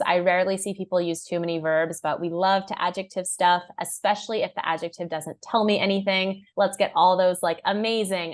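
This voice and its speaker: Young woman, workshop presenter: low-ish voice, casual and upbeat, lots of "like". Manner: upbeat and conversational, heavy use of "like"; acts out clients' and buyers' lines in a raised voice. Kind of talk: online class presentation.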